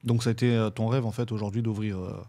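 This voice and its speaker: A man hosting a podcast interview in a studio, asking relaxed, casual questions. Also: lowish voice, quick pace, slight background noise. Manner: lively sponsor read, then relaxed questions. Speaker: podcast host.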